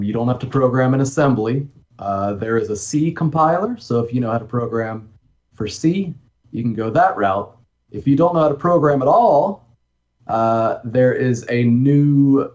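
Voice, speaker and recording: A man in a casual interview, explaining things in a loose, rambling way with plenty of ums and side remarks. His voice sits at an ordinary middle pitch. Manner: relaxed, rambling with many ums and asides. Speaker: guest, NES homebrew game developer.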